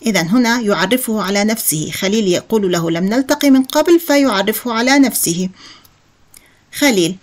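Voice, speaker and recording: A woman teaching English, who reads example sentences slowly, then translates and explains them. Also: mid-range voice, expressive. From Jordan. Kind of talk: explaining a workbook lesson in Arabic.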